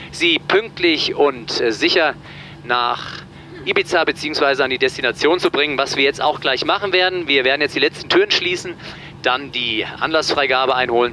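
A man's voice: medium pitch, bright, forceful tone, a little hiss or hum. A man, an airline captain, welcoming passengers over the cabin announcement system from the cockpit. His tone is formal and friendly, with some hesitations. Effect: aircraft cabin announcement from the cockpit.

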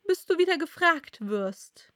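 A woman's voice: very high voice, very animated, a little slow, a bit bright, no room sound, clean studio sound, voice pushed up, exaggerated voice. A woman voicing an irritable male king who speaks angrily and threatens. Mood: angry. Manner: angry, threatening.

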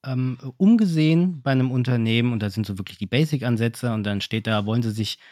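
Man, middle pitch, casual business chat, lively anecdotes, dry close sound. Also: a little fast, no room sound. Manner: lively storytelling, acting out phone calls.

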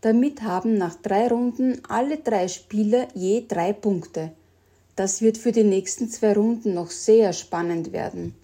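A woman reading a children's story aloud in a slow, gentle storytelling manner. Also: medium pitch, husky.

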